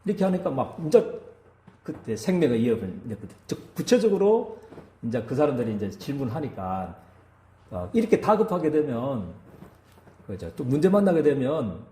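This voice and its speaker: A man's voice: mid-range voice, big pitch swings, normal speed, dark tone, reverberant. A male pastor preaching a sermon in a church, who keeps asking the congregation to agree with him.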